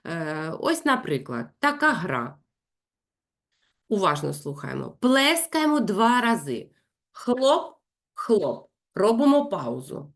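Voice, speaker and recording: A woman running a consultation for parents, speaking slowly and clearly and acting out lively sing-song examples. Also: on the low side. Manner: addresses parents directly, gentle and instructive. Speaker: speech therapist consulting parents.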